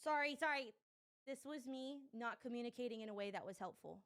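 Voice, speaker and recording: A woman's voice: fairly high pitch, brisk, fairly bright tone. A young woman streamer giving rambling, exasperated commentary on clips, swearing a lot. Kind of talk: casual commentary reacting to clips.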